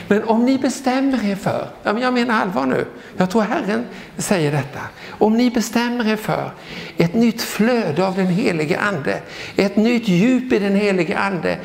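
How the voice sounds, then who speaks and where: A man in his sixties giving a lively charismatic sermon, exclaiming hallelujah and joking with the congregation. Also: high-pitched, creaky. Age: 60s. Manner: exclamatory, peppers talk with hallelujahs, joking asides. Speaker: guest preacher. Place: church sanctuary. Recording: echoey church hall with long reverb.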